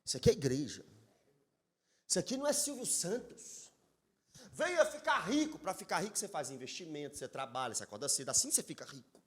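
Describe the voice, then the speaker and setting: Brazilian pastor guy preaching in church, fairly high voice, really emphatic, talks right to the crowd. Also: expressive, quick pace, slightly rough. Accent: Brazilian Portuguese. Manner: emphatic preaching, addressing the congregation directly. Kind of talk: sermon. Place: church sanctuary.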